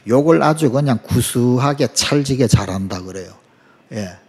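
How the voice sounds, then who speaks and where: A man's voice: mid-range voice, expressive, moderate pace, darkish tone, breathy edge. A middle-aged man, preaching a sermon as a pastor, telling stories, acting out quoted lines and asking the congregation questions. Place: church sanctuary. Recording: long church reverb.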